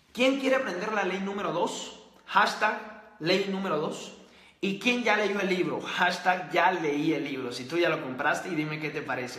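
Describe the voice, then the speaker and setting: A man's voice: a little high, fairly bright tone. A young man hosting a live stream, giving emphatic motivational talk and asking rhetorical questions. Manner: emphatic, preachy, repeats points and asks rhetorical questions. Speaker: host. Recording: roomy echo.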